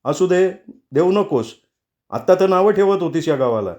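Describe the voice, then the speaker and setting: Guy reading as a heated angry son, a bit higher than his usual voice, audiobook. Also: lively intonation, moderate pace, warm tone, lightly acted. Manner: heated, raised voice. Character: angry adult son defending his mother.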